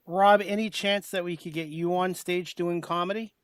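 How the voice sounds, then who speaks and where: A man's voice: high-pitched, fairly even intonation, normal speed, clear, resonant tone, no echo. An upbeat man hosting an online talk show, putting questions straight to his guests. His voice sounds dry and close, with little room around it. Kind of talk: casual interview chat.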